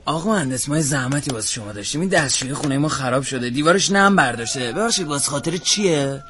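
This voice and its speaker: A man plays a smug gang boss in a TV drama, speaking in a bright, sharp voice. He threatens coolly and mockingly, never raising a fuss. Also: medium pitch, animated, close to an everyday voice. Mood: menacing.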